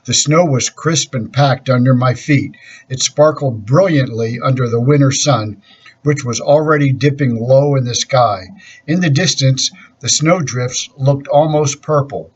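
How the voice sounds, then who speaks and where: A man reads a children's story aloud at a steady, unhurried pace. His voice is husky and sits at an ordinary middle pitch. The recording sounds dull and lo-fi. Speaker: storybook reader.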